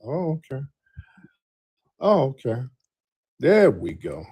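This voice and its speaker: A man's voice: medium pitch, huge pitch swings, takes it slowly, a little mellow, breathy edge. An American man in a heated casual debate, challenging with repeated questions.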